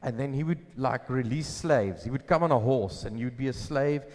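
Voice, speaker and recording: A pastor preaching a sermon at a pulpit microphone, asking questions and answering them himself with emphasis. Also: male voice, mid-range voice, moderate pace, darkish tone. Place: church hall. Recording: long hall reverb.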